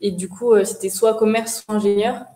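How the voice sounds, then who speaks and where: A woman in her twenties from France, a guest entrepreneur answering interview questions over a video call in a hesitant way, with many pauses. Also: mid-range voice, steady tone, dark tone, echoey room. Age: 20s. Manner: hesitant, many fillers and restarts. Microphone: shared webcam on video call.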